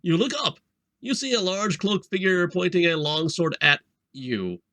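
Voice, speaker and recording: A man's voice: high-pitched, moderate pace, bright, forceful tone, no room sound. A man playing a fantasy text game, switching between casual chat and dramatic narration.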